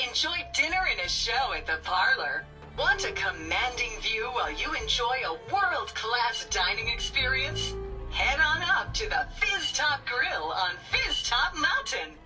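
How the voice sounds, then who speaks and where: A woman's voice: a little high, distant mic, poor audio. A woman voicing a cheerful female theme-park robot guide in a video game, with a malfunctioning machine voice and chipper, salesy greetings.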